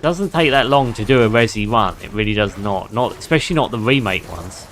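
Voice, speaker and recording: A man's voice: fairly low pitch, animated, a little fast, a bit bright, a little hiss or hum. A man giving casual gameplay commentary as a streamer, chatty, swearing freely and laughing often. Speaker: gaming streamer.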